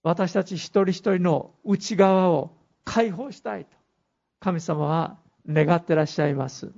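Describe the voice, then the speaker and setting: A man preaching a sermon as pastor, speaking earnestly with pauses and reading scripture aloud. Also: high-pitched, creaky, a little mellow. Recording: dull lo-fi recording.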